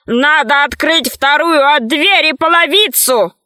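A woman's voice: high voice, measured pace, bright, forceful tone, no echo, studio quality, pitched above the performer's own voice. A woman voicing a frightened male pygmy traitor who pleads and wails for mercy in a storybook reading. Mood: eager. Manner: pleading, wailing.

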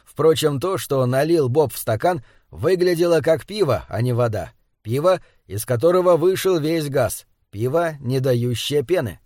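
Male narrator, steady read, slightly high voice, dry close studio sound. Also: moderate pace, no room sound. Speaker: audiobook narrator. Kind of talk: scripted narration.

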